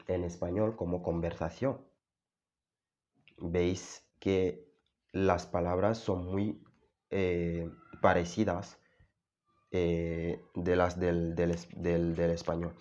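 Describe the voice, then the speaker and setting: Deep voiced guy teaching sounds real slow, lots of uh and restarts, kinda muffled lo-fi audio. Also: dark tone. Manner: halting, many fillers and restarts, spells out sounds. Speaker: French teacher. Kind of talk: casual video lesson.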